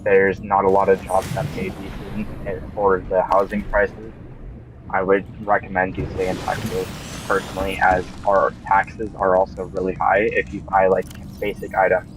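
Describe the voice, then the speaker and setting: A man's voice: sits low, monotone, normal speed, noisy background. A man chatting casually as a co-host on a gaming stream, heard through headset voice chat audio. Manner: easygoing, chatty.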